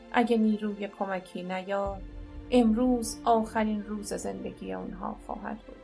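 A woman storyteller narrating an epic tale in a dramatic, measured way, reciting verse between prose. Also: medium pitch, vocal fry.

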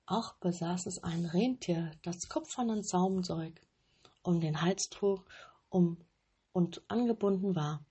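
A woman with a low, husky voice reads a fairy tale aloud. She keeps a calm, even storytelling pace.

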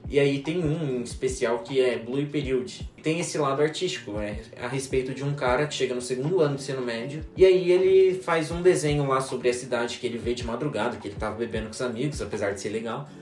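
A man's voice: mid-range voice, fast talker, few pauses, a little mellow, reverberant, recorded from a distance, soft background music. A man, a songwriter, talking casually and matter-of-factly about how he writes. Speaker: guest songwriter. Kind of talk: casual conversation.

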